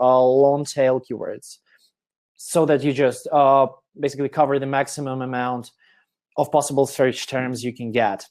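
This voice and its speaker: A man presenting an online webinar, explaining step by step with many fillers, his voice getting hoarse. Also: mid-range voice, a little mellow. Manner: explanatory, step-by-step, with frequent fillers and throat clearing.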